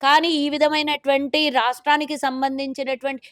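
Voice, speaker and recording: A woman's voice: high-pitched, flat delivery, brisk, a bit bright, no room sound, studio quality. A woman with a Telangana accent, a corporation chairperson speaking as a guest in a political interview in an indignant, pointed and sarcastic way. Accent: Telangana Telugu.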